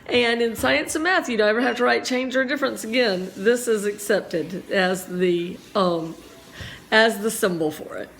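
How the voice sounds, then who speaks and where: A woman's voice: on the high side, normal speed, vocal fry, fairly bright tone, a little hiss or hum. A middle-aged woman teacher explaining a physics lesson step by step, chatty and full of asides, with a slight cough.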